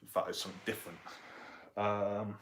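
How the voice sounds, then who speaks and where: A man's voice: fairly low pitch, flat delivery, brisk, fairly bright tone, slight background noise. A young man with a Southern English accent, chatting loosely and rambling with his viewers on a live stream. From England. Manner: rambling, loose, with many fillers. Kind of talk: casual live-stream chat.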